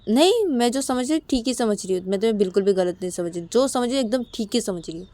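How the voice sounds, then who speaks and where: A young woman with a raised, coaxing voice who repeats gentle phrases, as a woman storyteller puts her on. She sits a little higher than the narrator. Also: lively intonation, rapid-fire, dry recording, lightly acted. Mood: accusing. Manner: coaxing, repeats soothing words. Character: young woman Siya, sharp then soothing.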